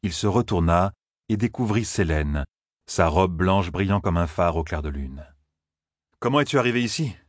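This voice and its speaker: Guy narrating a fantasy book, steady and expressive, pretty low voice, dry sound. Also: normal speed, no room sound.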